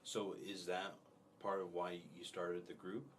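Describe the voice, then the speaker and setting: A man hosts a casual interview in a fairly low voice. He asks friendly, encouraging questions and restarts his sentences as he goes. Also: level tone, measured pace, slight background noise. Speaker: interviewer, host.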